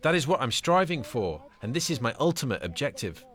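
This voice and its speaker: Young male player, earnest, expressive. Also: medium pitch, brisk. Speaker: young footballer.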